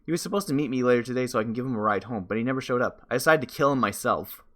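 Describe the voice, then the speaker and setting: A man reading aloud the lines of a young woman calmly confessing a killing, with a bright, quick delivery. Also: medium pitch, natural voice.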